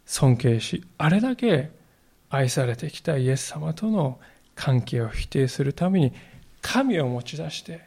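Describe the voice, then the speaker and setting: A man's voice: a little high, mellow, slightly rough. A male pastor giving a sermon in a conversational storytelling way, acting out the quoted lines.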